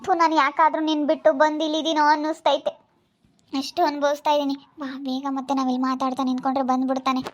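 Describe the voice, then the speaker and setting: A desperate young wife, played by a woman, pleading and then lashing out. Her voice is very high but keeps to a narrow, even line. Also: quick pace, lightly acted. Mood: bitter. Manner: pleading, then cursing angrily.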